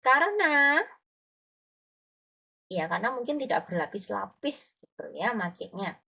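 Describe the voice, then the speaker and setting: A woman's voice: fairly high pitch, sing-song, a little slow, vocal fry, bright, forceful tone, husky. A woman tutoring Mandarin, explaining patiently and often checking that her student follows. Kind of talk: online language lesson.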